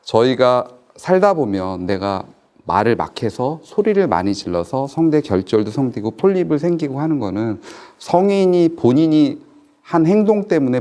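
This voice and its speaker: A man's voice: mid-range voice, dark tone. A male ENT doctor on a medical panel, talking emphatically, repeating his points and adding jokey asides. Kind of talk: panel discussion.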